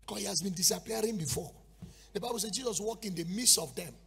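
A man's voice: sits high, fast, creaky, a bit bright, husky. A male preacher delivering a fiery, sing-song sermon and acting out Bible scenes with dramatic storytelling. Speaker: apostle preaching.

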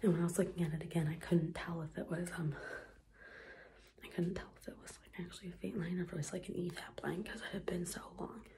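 A woman's voice: fairly low pitch, level tone, fast talker, vocal fry. A young woman whispering a casual vlog at home early in the morning, rambling with lots of fillers so she won't wake anyone. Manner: whispering to keep quiet, rambling with many fillers. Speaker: vlogger.

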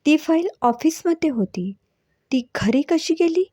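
Strict young working woman, done by a woman, firm, scolding, high voice, dry sound. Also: expressive, a little slow, mellow, no echo.

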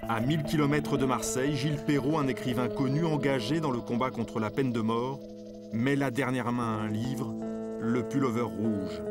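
Steady male voice-over for a true-crime documentary, strong guitar music under. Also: mid-range voice. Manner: measured, steady storytelling. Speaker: narrator. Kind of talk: scripted documentary narration.

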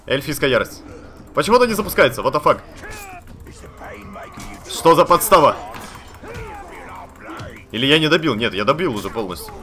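Bright-voiced excitable male gamer. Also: mid-range voice, very fast, faint music behind. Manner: chatty, excitable, talks to game characters, swears casually. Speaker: let's play gamer. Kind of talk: live gameplay commentary.

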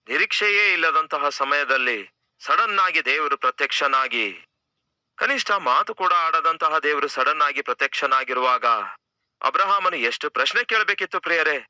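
A man's voice: on the high side, sharp tone, no echo. A male pastor preaching a sermon, dramatic and full of rhetorical questions to the congregation.

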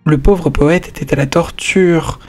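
A man's voice: on the high side, unhurried, faint music behind. A man reading a story aloud on stream, breaking off for casual asides and stumbling over words.

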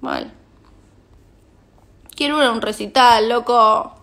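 A young Argentine woman, a singer, chatting casually on a phone livestream and reading fan messages aloud with quick asides. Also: a little high, fairly bright tone. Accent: Argentine Spanish.

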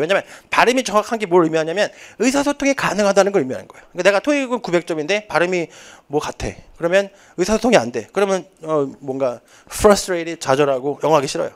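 High-voiced male English test instructor in his thirties, animated and jokey, given to chatty tangents mid-lecture. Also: racing, few pauses. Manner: joking, chatty, rambling asides. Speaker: TOEIC instructor. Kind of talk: lively classroom lecture. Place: lecture classroom.

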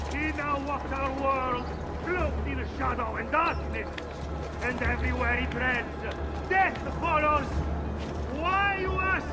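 An actor playing a fanatical, righteous preacher in a video game, declaiming a theatrical sermon like a crier. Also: male voice, very high-pitched. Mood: accusing, warning. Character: fanatical mad preacher, doom-laden and righteous. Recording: loud music behind the voice. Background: music.

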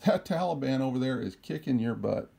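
A man's voice: mid-range voice, animated, brisk, vocal fry, dark tone, slightly rough. A man teaching scripture in a sermon, emphatic and full of rhetorical questions. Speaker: preacher.

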